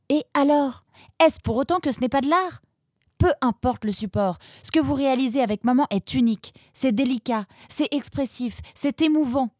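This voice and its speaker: A woman doing a shrill, scolding young vixen, Roxane. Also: fairly bright tone, no room sound, clean studio sound, exaggerated voice. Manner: scolding, exasperated rants. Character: indignant young vixen sister, sharp-tongued. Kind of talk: storybook narration.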